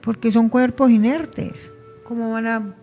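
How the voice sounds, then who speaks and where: A woman, giving a Bible teaching on a radio program in a measured, deliberate way. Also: a little high, fairly even intonation, warm tone, dull audio, soft background music. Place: radio studio.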